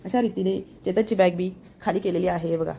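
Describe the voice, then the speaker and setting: A woman's voice: on the low side, fairly even intonation, brisk, gravelly, mellow, a little hiss or hum. Chatty Marathi woman vlogging at home. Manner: chatty, shows items to camera. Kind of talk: casual family vlog narration.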